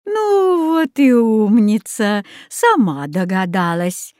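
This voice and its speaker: A woman voicing a scheming old forest witch in a storybook reading, sweet and coaxing, drawn out slowly. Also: mid-range voice, big pitch swings, a little mellow, no room sound, clean studio sound. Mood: sly coaxing.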